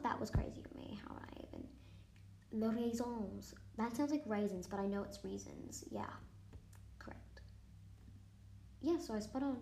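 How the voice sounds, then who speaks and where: A woman's voice: medium pitch, dark tone, a little hiss or hum. A young woman student chatting casually in a vlog, thinking aloud as she quizzes herself and sometimes dropping into a whisper. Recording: echoey room.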